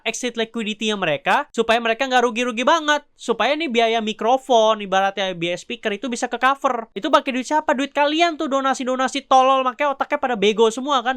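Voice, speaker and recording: A woman vlogger rants in Jakarta slang, swearing freely and scolding her audience. Her voice sits a little high for a woman. The recording is dry, with no room sound. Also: a bit bright, clear, resonant tone, dry recording. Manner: blunt, profane, scolding. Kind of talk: ranting commentary.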